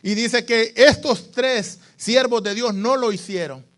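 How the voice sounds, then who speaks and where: A male pastor with a Latin American Spanish accent preaching a sermon in a church, swinging from hushed passages to loud calls to the congregation. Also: extremely high pitch, unhurried.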